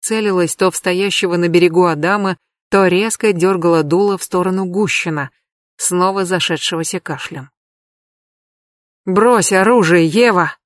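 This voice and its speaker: A woman's voice: lowish voice, fairly even intonation, normal speed, dry recording. A woman narrating an audiobook in a dramatic reading, close to the mic. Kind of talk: scripted narration.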